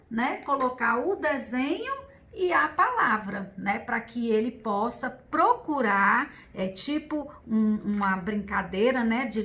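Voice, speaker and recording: High-voiced teacher explaining to parents. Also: female voice, a bit bright. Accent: Brazilian Portuguese. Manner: patient, explanatory, frequent "né?" tag questions; counts slowly and stretches words when demonstrating. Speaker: special education teacher. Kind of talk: instructional video for parents.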